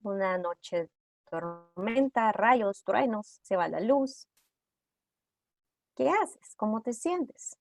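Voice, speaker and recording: Lady running an online workshop on a video call, talks slow, keeps firing questions, dry sound. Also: mid-range voice, lively intonation, creaky, dry recording. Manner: asks rapid rhetorical questions to the audience. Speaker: trauma-informed care workshop facilitator.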